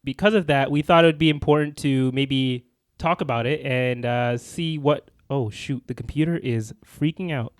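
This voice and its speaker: A young man with a slight lisp co-hosting a podcast, talking loud, fast and full of energy in casual chat. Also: mid-range voice, clean tone, no echo, clean studio sound. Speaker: podcast co-host.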